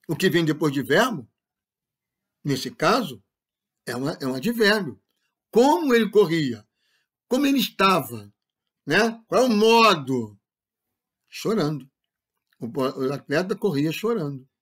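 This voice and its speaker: A man teaching grammar in a lecture style, often checking whether listeners follow and repeating key points. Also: sits high. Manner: explains with frequent rhetorical check-ins and repetition.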